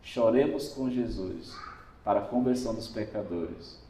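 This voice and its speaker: Brazilian priest preaching in echoey church. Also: male voice, fairly low pitch, measured pace, warm tone, distant mic, a little hiss or hum. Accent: Brazilian Portuguese. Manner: emphatic, repetitive exhortation addressing listeners directly. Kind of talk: Sunday homily.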